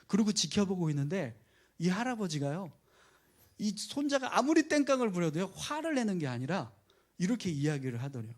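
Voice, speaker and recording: Higher-voiced man preaching a sermon. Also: brisk. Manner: colloquial storytelling, animated emphasis. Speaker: pastor.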